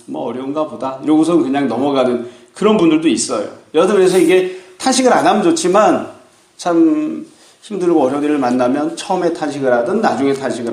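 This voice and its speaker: Calm Korean man preaching in a roomy space. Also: fairly high pitch. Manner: calm, explanatory preaching with rhetorical questions. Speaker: pastor. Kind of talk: sermon on a psalm.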